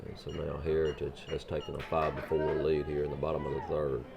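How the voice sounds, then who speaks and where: Very deep-voiced male baseball commentator. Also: flat delivery, brisk, gravelly. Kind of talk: live sports commentary. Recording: loud crowd and ballpark noise. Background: crowd and ballpark ambience.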